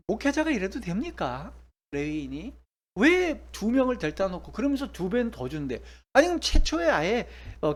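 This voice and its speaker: A middle-aged male pastor giving a sermon, emphatic, with many rhetorical questions. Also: sits high.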